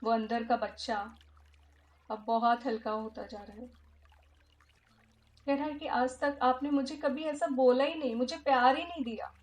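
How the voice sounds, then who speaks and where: A woman teacher guiding an inner-child healing meditation in a soft, emotive way that often drops to a hush. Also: sits high, measured pace, pauses often. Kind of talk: guided meditation.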